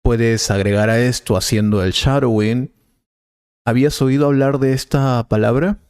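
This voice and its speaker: Calm male professor voiced by a man for a scripted teaching dialogue: patient, slow, dry studio read. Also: mid-range voice, clear, resonant tone, no echo, close to an everyday voice. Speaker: Spanish teacher.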